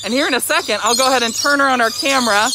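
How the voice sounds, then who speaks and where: A woman hosting a live zoo show in an excited, chatty way, her voice slightly muffled through a face mask. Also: on the high side, rapid-fire. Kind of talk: upbeat live-stream presenting. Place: outdoor zoo by a lorikeet aviary. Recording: very noisy aviary, loud bird and animal calls. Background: loud bird calls and chirping.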